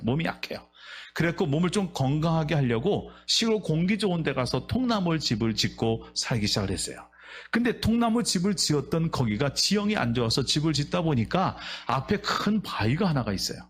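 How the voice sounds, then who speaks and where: A man's voice: fairly high pitch, a little hiss or hum. A male pastor preaching a sermon, telling stories and asking the congregation rhetorical questions.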